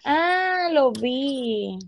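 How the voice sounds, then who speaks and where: High-voiced woman, animated chat. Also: very slow, gravelly, a crowd in the background. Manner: animated, mixes English phrases, laughs often. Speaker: podcast co-host. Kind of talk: casual chat.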